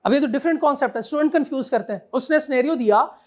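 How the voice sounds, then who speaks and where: A man's voice: very high-pitched, rapid-fire. A man giving a classroom law lecture, quizzing students and repeating his key points.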